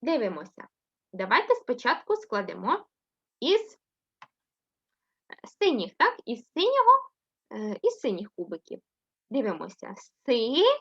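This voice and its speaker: A Ukrainian woman teaching young children to read in a remote lesson, sounding out syllables slowly and checking in with "right?", praising her pupils fondly. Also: a little high, wildly swooping pitch, a bit bright, husky, muffled recording. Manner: slow, sing-song syllable-by-syllable reading with frequent "так?" checks. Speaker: first-grade teacher.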